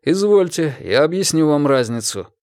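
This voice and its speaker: A man voicing a patient, polite young man who speaks formally and calmly, in an audiobook. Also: fairly high pitch, normal speed, dry recording, studio quality, close to an everyday voice.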